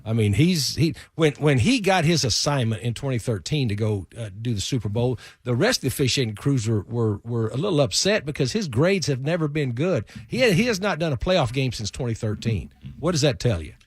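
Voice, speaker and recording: A man giving opinionated, off-the-cuff sports commentary, haltingly repeating his words. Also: mid-range voice, expressive, slightly rough.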